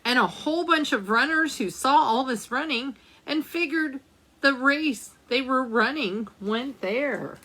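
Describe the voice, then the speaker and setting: A librarian reads a picture book aloud at children's storytime, pausing for questions and asides to her young listeners. Her high voice is pushed and bright, with lively intonation and an unhurried pace.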